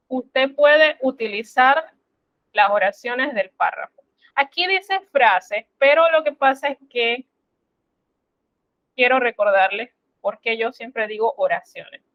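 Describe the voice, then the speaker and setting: A woman's voice: on the high side, no room sound, lo-fi sound. A woman teaching a French class online, explaining step by step in a patient, instructive way. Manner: slow, patient, instructive, addresses students formally.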